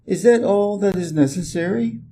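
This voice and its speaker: A man's voice: high-pitched, moderate pace, dark tone, slight background noise, pitched above the performer's own voice. A man voicing a curious, persistent young boy prince in a storybook, innocent and full of questions. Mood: innocent, questioning. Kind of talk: storybook character reading.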